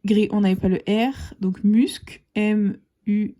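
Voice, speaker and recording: Speaking slowly in a steady, dark, mid-range voice, this woman hosts a laid-back video where she scratches lottery tickets. Her commentary is chatty, she addresses her audience as "les copains," and at times her voice sinks to a half-whisper.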